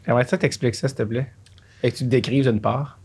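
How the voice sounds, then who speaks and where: A man's voice: medium pitch, steady tone, fast talker, darkish tone, husky. A man with a Quebec French accent, hosting a podcast and interviewing his guest in casual chat. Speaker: podcast host.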